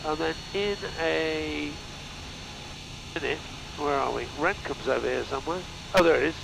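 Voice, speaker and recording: A male flight instructor with a very creaky, fairly high-pitched voice explains things casually and haltingly. He talks through a headset in a small cockpit with clear engine drone behind him. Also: noisy background. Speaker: flying instructor. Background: aircraft engine drone.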